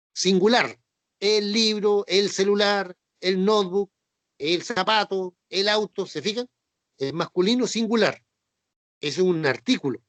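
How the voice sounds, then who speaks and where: A man delivers a Bible teaching sermon in a high voice. He repeats his points patiently and keeps asking if the listeners follow. The sound is dry and close, with no room echo. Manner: repetitive, checks understanding with tag questions. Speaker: preacher.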